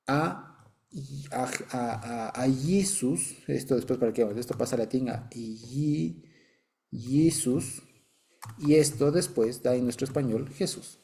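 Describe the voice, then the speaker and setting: A mid-range, gravelly, dark-toned voice belongs to a man with an Ecuadorian Spanish accent teaching a Bible study. He explains patiently, keeps making sure people understand, and chuckles now and then.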